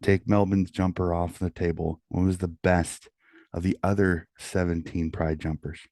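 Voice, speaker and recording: A middle-aged sports podcast host with a deep voice gives a round-up at night, speaking flatly and at a moderate pace. He keeps it hushed, quieter than normal late-night radio, so as not to wake anyone, recorded in a small room at home on a close studio mic with pop filter, clean with no echo.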